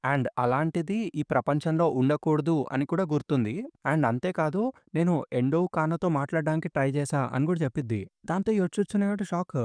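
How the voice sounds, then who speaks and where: A man retelling a manga story in a casual, brisk way, reading the characters' lines in a lower, softer voice. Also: dry recording, studio quality. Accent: Telugu-English mix. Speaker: manga narrator.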